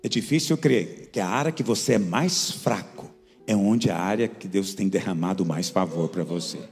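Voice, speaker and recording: A man, a pastor, preaching a sermon. He tells stories and moves between quiet asides and high, emphatic peaks. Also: moderate pace. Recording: reverberant church hall with soft music.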